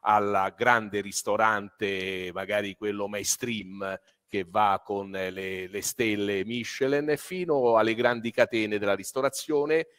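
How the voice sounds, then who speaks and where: A middle-aged man giving a presentation over a video call with a headset, speaking haltingly with many fillers. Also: fairly low pitch, steady tone, a bit bright, clear, resonant tone, long reverb tail. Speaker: trade association vice director.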